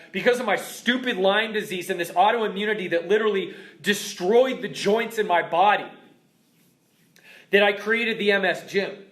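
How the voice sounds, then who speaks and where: A man's voice: high voice, fairly bright tone, roomy sound. A man in his thirties, the founder of a fitness program, telling an emotional story as a motivational talk to his members.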